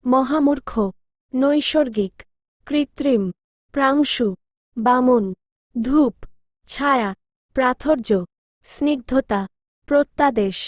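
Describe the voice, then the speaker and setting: A woman with a high voice recites study word lists at a deliberately slow pace. Each term is given on its own, evenly. The sound is dry and close. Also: no room sound. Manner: measured, list-like, one term at a time. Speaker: teacher reading vocabulary lists.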